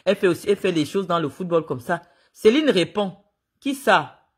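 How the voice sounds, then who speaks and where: A woman's voice: fairly low pitch, quick pace, breathy edge. A middle-aged woman from Cameroon with a Cameroonian French accent, a football official angrily and insistently telling her side, acting out conversations as she goes. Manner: indignant, insistent, retells dialogue. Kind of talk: angry public testimony.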